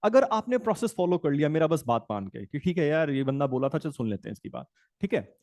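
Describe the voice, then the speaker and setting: A man's voice: fairly high pitch, sing-song, quick pace, darkish tone, dry recording, clean studio sound. A middle-aged man with an Indian accent teaching an online exam class, chatty and joking, calling students "beta" and mixing English into Hindi. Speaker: CAT exam tutor.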